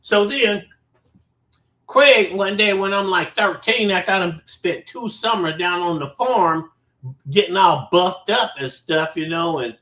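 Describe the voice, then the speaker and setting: Guy with a high bright voice spinning a rambling, cussing story, echoey room. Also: a little slow. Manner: blunt, profane, rambling. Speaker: show host. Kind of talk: casual storytelling to viewers. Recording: roomy echo.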